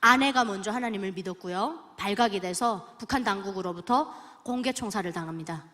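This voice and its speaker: A woman from North Korea giving an emotional, animated testimony sermon in a church. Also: mid-range voice, a little fast, big-room sound. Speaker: guest speaker giving testimony.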